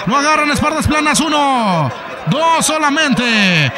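Wrestling commentator: Mexican man, very high-pitched, excitable shouted play-by-play over clear arena noise. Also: a little slow. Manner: shouting, excitable, playful, quoting wrestlers and crowd. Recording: loud arena noise behind voice.

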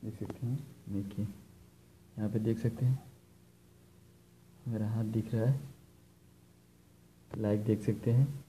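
Poor audio with a little hiss or hum carries a man's warm voice, on the low side and steady in tone, unhurried with frequent pauses. As an electrician, he gives an informal hands-on product demonstration indoors, filming equipment on the floor, explaining step by step and repeating himself often.

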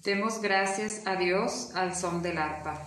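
Slow woman lector in cathedral echo. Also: fairly low pitch. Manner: measured, solemn reading. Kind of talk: reading a responsorial psalm. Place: large church. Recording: cathedral echo, distant mic, noise.

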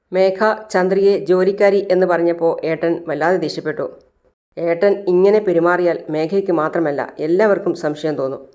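An anxious middle-aged mother, as a woman storyteller puts her on, scolding and pleading by turns in a lowered, quieter voice. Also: lightly acted.

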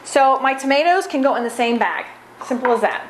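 This woman in her forties speaks briskly in a high-pitched voice with lively intonation, and background noise is audible. Hosting a casual cooking demonstration in a large home kitchen, she chats cheerfully while preparing food by hand.

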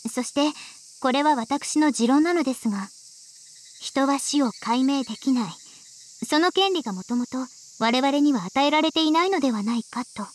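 A woman's voice: sits high, expressive, moderate pace. A woman playing a refined, proud teenage heiress in a Japanese visual novel game, speaking in formal, ladylike, polite phrases. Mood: composed, earnest.

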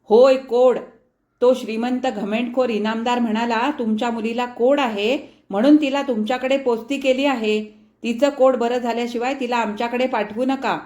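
A woman voicing a furious, short-tempered middle-aged father who shouts abuse in loud outbursts, heard in an echoey room. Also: fairly high pitch, fairly even intonation, moderate pace, pitched above the performer's own voice, close to an everyday voice.

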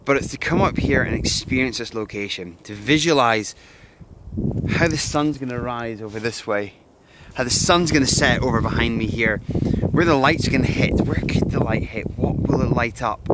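On a windy hilltop, a young landscape photographer with a cold enthusiastically thinks aloud about his plans for an outdoor vlog. His voice is medium-pitched. The camera mic is hand-held, sometimes close and sometimes far, and picks up wind noise.

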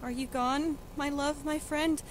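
A woman's voice: high voice, steady tone, a little slow, a little hiss or hum, poor audio. A young woman playing a desperate, defiant young noblewoman who pleads and protests emotionally. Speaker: student actor in a school reading.

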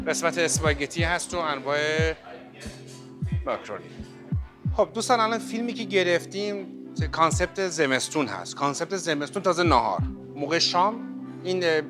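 A man giving a chatty walking tour of a hotel buffet restaurant, talking straight to his viewers with lots of fillers. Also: on the high side. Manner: chatty, addresses viewers as friends, many fillers. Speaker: hotel review vlogger. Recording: background music under voice. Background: background music.

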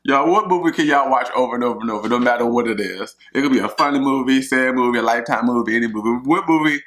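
A man chats on camera between bites, rambling and talking straight to his viewers. His voice is bright and forceful, and it rings through an echoey home kitchen. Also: medium pitch, fast talker. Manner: chatty, rambling, talks to viewers as y'all. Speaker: mukbang vlogger. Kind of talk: casual chat while eating.

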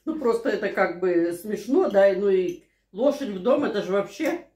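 Woman in her sixties, mid-pitched, casual mealtime storytelling, echoey home room, camera across the table. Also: animated, moderate pace, mellow. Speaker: mukbang vlogger. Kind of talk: casual chat and anecdotes over a meal. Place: small living room at home, indoors. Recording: roomy, echoing home room.

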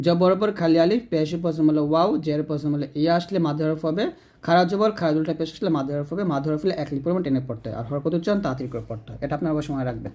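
A man teaching Quran reading step by step, patiently repeating each rule and chanting the sample words slowly. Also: fairly high pitch, dark tone. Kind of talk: step-by-step spelling lesson.

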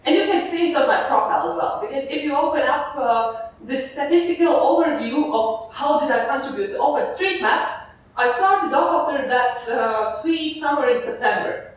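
A young woman from eastern Latvia with a Latvian accent gives a chatty, animated conference talk with frequent "uh" fillers. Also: high voice, normal speed, a little hiss or hum. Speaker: conference speaker. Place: large lecture hall with audience. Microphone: far camera in the audience. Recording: echoey hall from far off.

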